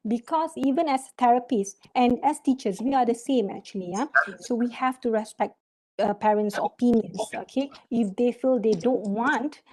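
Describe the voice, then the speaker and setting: High, mellow woman trainer. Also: moderate pace, rough recording. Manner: explanatory, with frequent checking "okay" tags. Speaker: course trainer, therapist. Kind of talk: instructional talk in a live course.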